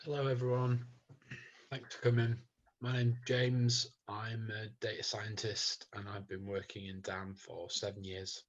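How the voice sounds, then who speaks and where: Man, data scientist, monotone delivery, low voice, muffled lo-fi call sound. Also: unhurried. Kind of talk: webinar presentation.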